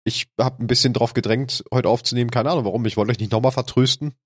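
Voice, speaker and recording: A man's voice: medium pitch, steady tone, fast talker, no room sound, clean studio sound. A man with a snotty cold and a stuffy, nasal voice, casually hosting a podcast. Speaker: podcast host.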